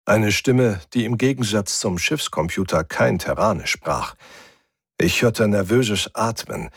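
A man narrating a first-person sci-fi audiobook in a steady, gritty storytelling manner. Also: on the low side, breathy edge, dry recording, studio quality.

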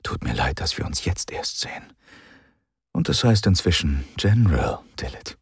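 A man doing a hushed, weary old general. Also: a bass voice, very animated, moderate pace, creaky, slightly rough, no echo, studio quality, heavily acted. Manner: hushed, quiet and heavy. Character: weary grieving male general, gentle and worn. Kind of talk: audiobook character voice.

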